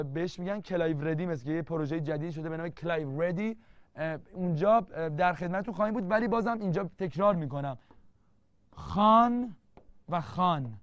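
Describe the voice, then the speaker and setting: Here a high-pitched man teases his way through an exam-prep literature lesson, repeating the essential terms again and again. No echo is present, and the sound is dull, dry lo-fi.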